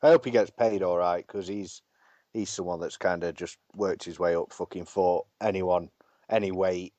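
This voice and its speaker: A man's voice: low-pitched, steady tone, normal speed, mellow, no room sound, lo-fi sound. A man chatting casually about sport as a podcast panellist, blunt and sweary.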